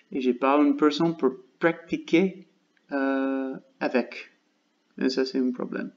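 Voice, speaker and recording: Male host, American, non-native French speaker; unhurried, hesitant casual vlog delivery; slightly muffled lo-fi audio. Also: medium pitch, a little mellow. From United States. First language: English. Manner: halting learner's French, searching for words with many pauses. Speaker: channel host.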